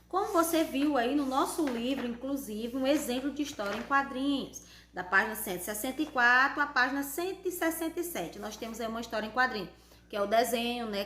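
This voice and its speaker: Brazilian woman teacher, high-ish voice, patient step-by-step homework review, roomy echo. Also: fairly bright tone. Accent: Brazilian Portuguese. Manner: patient, step-by-step, checking in with "tá certo?". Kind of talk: correcting homework for children.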